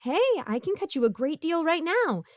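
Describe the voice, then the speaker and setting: With a voice that sits high and is very animated, a woman at normal speed portrays a sheepish, chatty supervillain neighbor who's broke and bumbling. She rambles awkwardly, pleading and explaining herself, in a casual audio roleplay recorded studio-clean with no echo.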